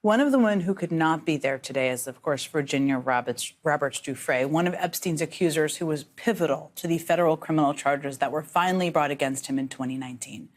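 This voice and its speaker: A woman news anchor narrating a report and interviewing guests, emotional and halting at times. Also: deep voice. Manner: emotional, halting with repeated starts.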